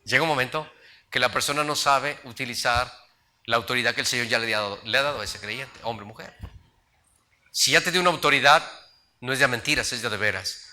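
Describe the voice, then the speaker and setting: Middle-aged preacher with a very bright tone, animated storyteller. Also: male voice, mid-range voice, a little fast. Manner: storytelling preacher, acts out voices in his anecdotes. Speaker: pastor. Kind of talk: sermon.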